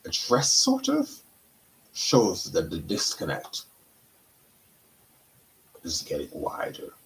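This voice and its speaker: In a low-quality recording, a middle-aged man from Guyana who works as a counselor hosts a talk show. With a low voice, he gives a slow, deliberate monologue marked by pauses and self-corrections.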